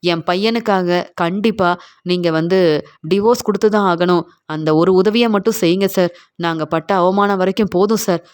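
A woman's voice: lowish voice, normal speed, darkish tone, lightly acted. A woman reading the lines of an older father pleading on his son's behalf, in a retelling of a TV serial scene. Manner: pleading, aggrieved.

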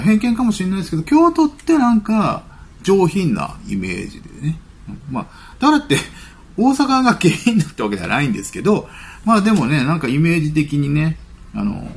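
With a husky, creaky voice that sits on the high side and has a darkish tone, this channel host reads out celebrity news. Between the items he drifts into casual, reflective commentary.

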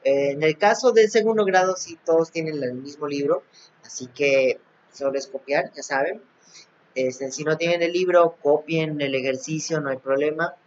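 A male teacher records a class for young pupils, repeating each English phrase and translating it. His voice is on the high side at a normal speed, captured by a recording app on an unseen device, which gives a dull, lo-fi sound.

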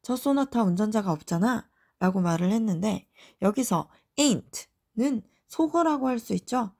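A woman narrates an English lesson, explaining phrases in a friendly, patient way. Her voice sits mid-pitch with a gravelly edge. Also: animated, measured pace, darkish tone. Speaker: English teacher.

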